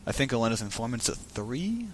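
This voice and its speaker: A man's voice: medium pitch, sing-song, fairly quick, a little hiss or hum. A man giving casual, chatty commentary on a card game match, thinking aloud as he goes.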